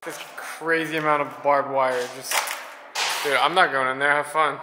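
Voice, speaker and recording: A young man filming a travel vlog in an abandoned palace with a handheld camera, talking in an excited, exclaiming way. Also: fairly high pitch, moderate pace. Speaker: travel vlogger. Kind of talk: travel vlog with voice-over narration. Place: abandoned palace, large empty stone rooms. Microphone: handheld camera at arm's length.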